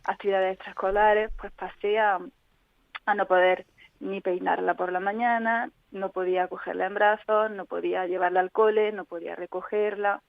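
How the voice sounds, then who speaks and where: A woman speaks as a radio interview guest, recounting her own experience in an earnest, reflective tone. Her voice sits at a middling pitch. It comes through a tinny, phone-like line with a dry sound and no room echo. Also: level tone, moderate pace, creaky. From Spain. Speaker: interview guest, patient advocate. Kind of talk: personal account in a radio interview.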